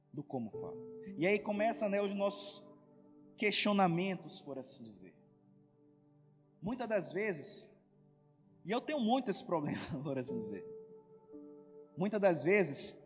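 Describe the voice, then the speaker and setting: A high-pitched man gives a conversational sermon as a pastor. He repeats his key phrases and acts out small everyday scenes. The sound carries a long echo of a church hall, with faint music underneath. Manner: conversational preaching with repeated phrases and acted examples.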